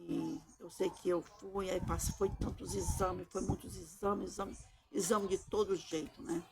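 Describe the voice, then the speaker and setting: A shy middle-aged woman giving a personal testimony, talking haltingly and often adding tag questions. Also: on the low side, steady tone, creaky, a crowd in the background, rough recording. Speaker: testimony giver.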